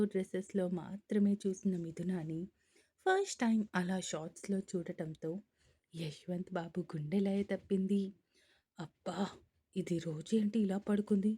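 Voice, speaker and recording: Woman narrating a romance story, dark husky voice. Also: mid-range voice. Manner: reads all characters' lines in her own voice, mostly even narration.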